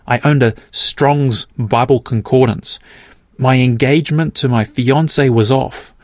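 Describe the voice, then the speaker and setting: A middle-aged man narrating his own podcast in a measured, earnest storytelling manner. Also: medium pitch, darkish tone, dry recording, studio quality. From Australia. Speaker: podcast host. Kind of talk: scripted narration.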